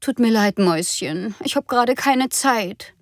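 A woman voicing a busy, hurried mother speaking from the kitchen. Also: on the high side, expressive, no room sound, studio quality, voice pushed up.

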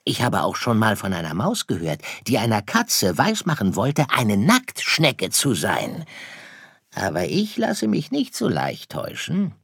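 A man voicing a sly, hungry fox who talks in a coaxing, drawn-out way. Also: lowish voice, huge pitch swings, gravelly, fairly bright tone, breathy edge, no echo, clean studio sound, voice pushed up, full character voice.

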